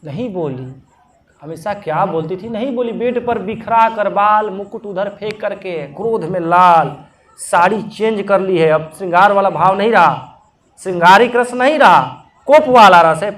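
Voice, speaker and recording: Male religious storyteller, high voice, lively, humorous. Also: normal speed. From Bihar. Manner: lively, humorous, talks to the audience. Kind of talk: devotional storytelling sermon.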